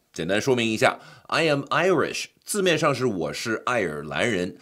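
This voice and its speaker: A man's voice: fairly low pitch, a bit bright. A middle-aged man narrating a pronunciation lesson, joking with the viewer in playful asides. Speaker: English pronunciation teacher. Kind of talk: scripted lesson voice-over.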